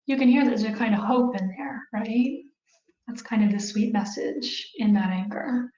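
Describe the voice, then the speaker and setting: Woman therapist, fairly high voice, calm explanatory delivery, roomy dull recording. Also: moderate pace. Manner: calm, explanatory, asks "right?" often. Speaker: therapist teaching about couples. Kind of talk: recorded talk to viewers. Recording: echoey room, dull sound.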